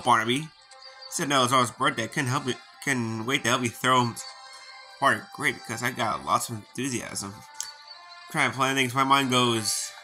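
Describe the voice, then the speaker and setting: A man's voice: mid-range voice, pushed and bright, poor audio. Man, playful game-dialogue reader, ad-libs jokes, game music running underneath. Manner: playful, reads lines in character and jokes about them. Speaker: gaming YouTuber. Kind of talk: reading game dialogue aloud with commentary.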